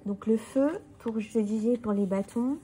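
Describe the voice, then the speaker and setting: With faint music in the background, a woman with a fairly high, mellow voice talks at a normal speed. She sounds tired as she casually shows off a tarot deck, thinking aloud card by card.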